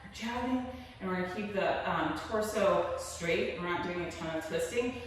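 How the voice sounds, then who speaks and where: A woman's voice: fairly low pitch, moderate pace. Echoey, distant woman aerobics instructor coaching a workout. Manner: encouraging, counting reps aloud, giving cues; exerting while talking. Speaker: fitness coach. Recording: echoey hall, distant mic, noisy.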